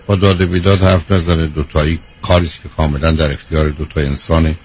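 A man's voice: a bass voice, level tone, darkish tone, dull audio, a little hiss or hum. A man hosting a call-in advice show, blunt and direct, firing questions at the caller. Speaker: radio advice host.

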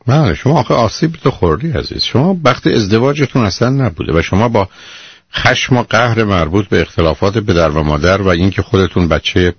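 Heard as a muffled radio broadcast in a dry recording, a man counsels a caller on his call-in advice show, lecturing her bluntly and addressing her as "dear." His voice is lowish with a breathy edge.

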